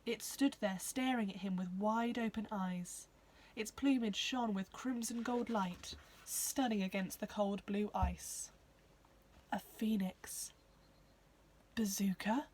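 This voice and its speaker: A woman narrating a children's novel in a clear, expressive storybook reading. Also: mid-range voice, unhurried, slight background noise, poor audio.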